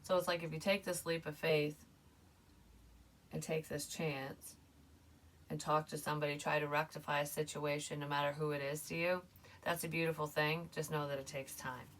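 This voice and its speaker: Low-voiced chatty woman reading tarot. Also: level tone, moderate pace, fairly bright tone, far from the mic. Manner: chatty, rambling, full of "like" and "you know". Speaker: tarot reader. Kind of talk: casual tarot reading monologue.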